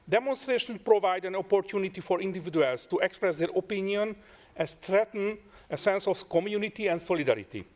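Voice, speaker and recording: High, lively man's formal speech. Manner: reads a prepared statement. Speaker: parliamentarian.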